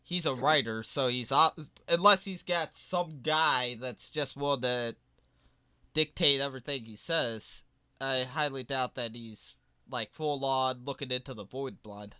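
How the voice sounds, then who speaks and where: A man co-hosts a casual podcast and trades blunt, mocking jokes. His voice is bright and clear. The room sounds dry, with no echo. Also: mid-range voice, measured pace. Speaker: podcast co-host.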